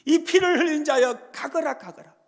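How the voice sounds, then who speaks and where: A man voicing a jeering, cursing man who shouts abuse in a Jeolla Korean accent. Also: extremely high pitch, wildly swooping pitch, takes it slowly, creaky, in a large hall, voice pushed up, heavily acted. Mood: jeering, shouting. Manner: shouting insults.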